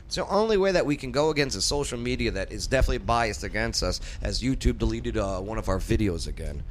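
A man's voice: mid-range voice, lively intonation, fast, slight background noise. A man hosting a live talk show from a studio with casual, informal, punchy banter. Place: radio studio.

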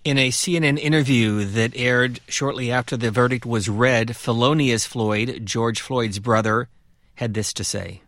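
Male host, slow deliberate questions, dry studio sound. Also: mid-range voice, a bit bright, dry recording. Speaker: interview host. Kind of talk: broadcast interview questions.

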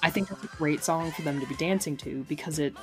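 Low-voiced woman chatting on a podcast. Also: fast, faint music behind. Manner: chatty, laughs often, lots of fillers. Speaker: podcast co-host. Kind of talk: casual podcast chat.

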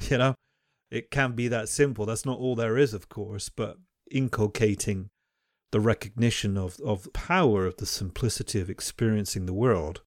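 A man's voice: fairly low pitch, normal speed, no room sound, clean studio sound. A man who teaches at a university, talking in a thoughtful, academic way, often restarting his phrases. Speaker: podcast host and university teacher. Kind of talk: reflective conversational discussion.

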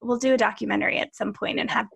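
A woman guest from Pennsylvania speaking in a slightly raised voice. She talks through her story in a relaxed interview, thoughtful and pausing with small hesitations. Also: on the high side, creaky, husky. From Pennsylvania, USA. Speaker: podcast guest, co-founder. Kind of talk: casual interview conversation.

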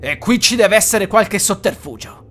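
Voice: mid-range voice, animated, normal speed, soft background music, close to an everyday voice. A narrator growling as a cruel, menacing ogre. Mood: suspicious. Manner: loud, growling threats. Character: cruel hungry male ogre, gruff and menacing.

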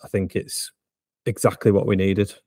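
A man co-hosting a casual football podcast, giving relaxed, measured opinions. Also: sits low, breathy edge, no echo, clean studio sound. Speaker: podcast co-host, football fan.

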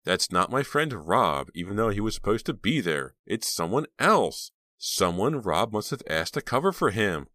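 A man's voice: on the low side, very animated, moderate pace, few pauses, sharp tone, no room sound, studio quality, voice pushed up. A man voicing an earnest teenage girl sleuth. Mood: insistent. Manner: intense, urgent, insistent. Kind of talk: audiobook character voice.

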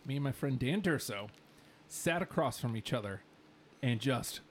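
A man's voice: medium pitch, lively intonation, a little hiss or hum. Laid-back young podcast guy. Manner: laid-back, swears, quick asides. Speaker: podcast co-host. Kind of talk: casual chat.

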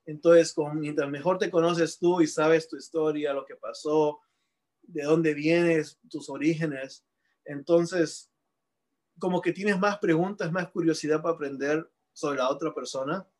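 A man's voice: fairly high pitch, steady tone, unhurried, a little mellow. A man from Peru, a painter, telling a personal story in an interview, slipping into English words and often restarting his sentences.

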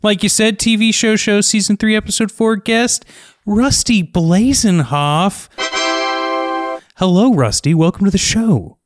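Deadpan man podcast co-host. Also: high-pitched, moderate pace, hardly any pauses, faint music behind. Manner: deadpan, dry jokes. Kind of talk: casual podcast chat.

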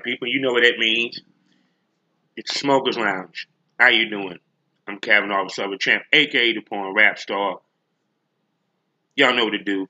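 A man's voice: on the low side, sharp tone, lo-fi sound. A man hosting a solo podcast rant, speaking bluntly and emphatically with heavy slang and profanity. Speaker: podcast host.

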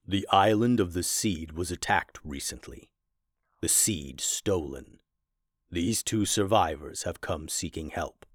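A terse old male wizard professor, deep, slow and solemn with few words. A man voices him. Dry storybook reading. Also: dry recording. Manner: grave and clipped.

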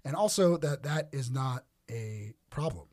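A man co-hosting a podcast, narrating from a script and explaining ideas in a measured way with hedging fillers. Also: mid-range voice, expressive, darkish tone. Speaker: podcast co-host. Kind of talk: scripted narration with casual discussion.

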